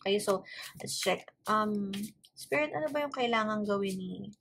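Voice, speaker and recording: A woman's voice: medium pitch, normal speed, gravelly, a bit bright, a little hiss or hum. A woman with a Filipino accent gives a casual tarot reading, switching between English and Tagalog in the middle of her sentences. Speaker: tarot card reader. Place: indoors at a wooden table, hands and cards seen from above.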